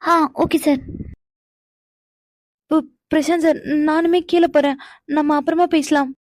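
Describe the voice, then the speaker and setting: A woman's voice: high voice, level tone, unhurried, a little mellow, dry recording. A woman voicing a flustered young woman in a cartoon, stammering and jittery. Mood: nervous. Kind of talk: animated cartoon dialogue.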